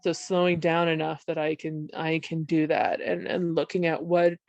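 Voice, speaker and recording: A woman's voice: sits low, little pitch movement, moderate pace, darkish tone, dry recording, dull audio. A woman, a behavioral health specialist, talks through ideas in a loose, rambling way, full of restarts and "right?" tags, with a congested voice. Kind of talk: conversational panel discussion.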